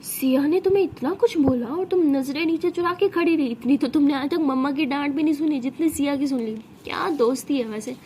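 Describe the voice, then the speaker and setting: A woman's voice: high voice, fairly quick, few pauses, a little mellow, a little hiss or hum, lightly acted. A woman voicing a teasing older sister who chides with sarcasm. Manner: sarcastic, chiding.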